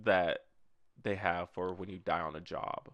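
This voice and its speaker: A man's voice: low voice, unhurried, no room sound, lo-fi sound. A young man co-hosting an unscripted podcast, chatting casually, swearing often and breaking into laughter. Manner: animated, swearing, bursts of laughter. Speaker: podcast co-host.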